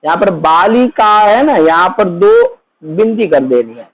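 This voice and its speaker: Slow-speaking high-voiced man teaching. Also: big pitch swings, low-quality recording. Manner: explains each answer, then repeats it as a question. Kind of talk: worksheet lesson for children.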